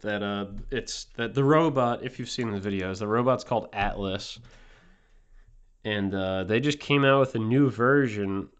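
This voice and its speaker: Hesitant New Jersey podcast host. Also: male voice, lowish voice, a little slow, clear, resonant tone, dull audio. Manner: hesitant, lots of fillers. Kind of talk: comedy podcast sketch.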